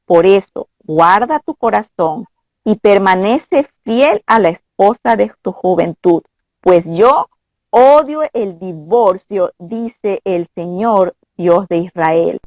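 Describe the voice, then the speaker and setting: A woman of middle pitch talks earnestly through Bible passages, as if teaching a friend across the table. The sound is dry and close, with no room around it. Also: animated, slow, darkish tone, no room sound. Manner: earnest, quotes scripture, mimics voices.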